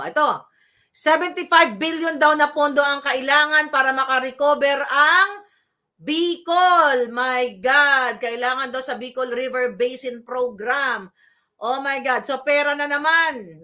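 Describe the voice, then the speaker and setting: A woman giving animated, scolding political commentary, mixing in English phrases and asking her viewers for agreement. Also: high-pitched, unhurried. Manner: animated, scolding, mixes Tagalog with English, asks "di ba?" often.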